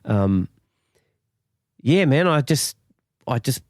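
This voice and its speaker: A man's voice: mid-range voice, big pitch swings, slow, a little mellow, dry recording, studio quality. A man with a broad New Zealand accent hosting a casual, matey chat interview in an encouraging, laid-back way. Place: at home on a remote call.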